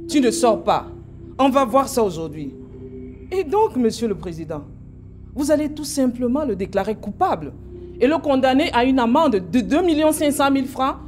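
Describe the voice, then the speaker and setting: A woman's voice: a little high, darkish tone. A woman acting as a lawyer in a comedy courtroom sketch, pleading firmly before the judge. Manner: firm, declamatory. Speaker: actor playing a lawyer.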